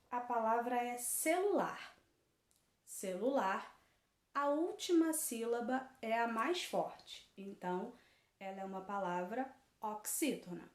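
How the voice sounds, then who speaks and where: A woman teaches a recorded lesson, speaking slowly and deliberately in a fairly high voice. She repeats each answer patiently. The phone recording carries a noticeable room echo. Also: darkish tone. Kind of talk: recorded lesson correcting a worksheet.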